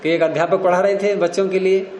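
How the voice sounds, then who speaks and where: A man's voice: high voice, fairly even intonation, quick pace, darkish tone, slight background noise. A man teaching Sanskrit grammar to a class, explaining rules and quizzing his students. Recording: roomy echo.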